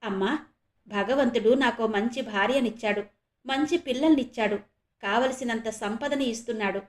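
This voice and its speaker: A woman voicing a kind, wealthy middle-aged adoptive father who talks eagerly and warmly in a read-aloud audio novel. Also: extremely high pitch, echoey room. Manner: eager, warm, generous.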